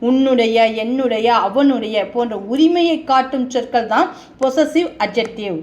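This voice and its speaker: High-voiced Tamil woman teaching grammar. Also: a little mellow, reverberant. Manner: reads English examples slowly, explains in quick Tamil, asks "சரிங்களா?" often. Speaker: English teacher for exam coaching. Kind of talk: bilingual grammar lesson.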